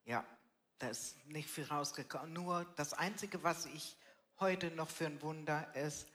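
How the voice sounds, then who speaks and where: Speaking a little slowly in a low, slightly bright voice, an older woman recounts her life at a live church event before an audience. The casual interview is personal testimony, and her blunt, colloquial sentences often end in "ne."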